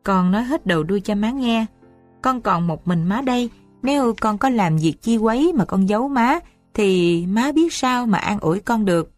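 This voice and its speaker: Woman doing a worried older mother, soft coaxing, soothing, storybook reading. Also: mid-range voice, expressive, moderate pace, soft background music, lightly acted.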